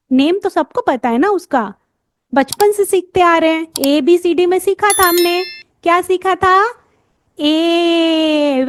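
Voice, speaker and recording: An Indian woman teaches phonics in a high, bright voice. She moves at an unhurried pace, stretching out each letter sound and pausing to ask the listener what comes next. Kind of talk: lesson for parents and teachers.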